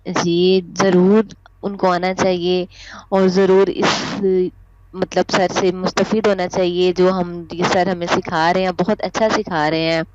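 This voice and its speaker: A woman's voice: lowish voice, flat delivery, unhurried, crowd noise. A woman trainee teacher giving polite, deferential feedback to her instructor. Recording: dull line with noise.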